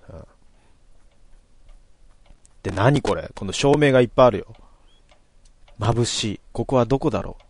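Man, game streamer, casual chatty asides, joking, lively intonation. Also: medium pitch, normal speed, vocal fry, pauses often, slightly rough, no room sound. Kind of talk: let's-play commentary, reading game text aloud.

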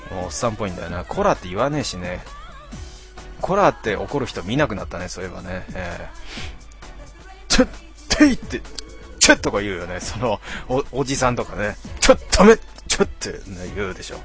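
A man in his twenties, a bit tipsy, chatting casually on a live stream as he reads out viewer comments in rough, slangy, self-mocking banter. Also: on the low side, very animated, fairly quick, long pauses, a bit bright, faint music behind. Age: 20s.

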